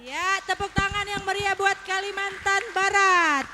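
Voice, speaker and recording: A woman's voice: very high-pitched, steady tone, measured pace, pushed and bright. A woman working as an event MC, making live hosting announcements. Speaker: event MC at a children's quiz competition. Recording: reverberant hall, noticeable background noise.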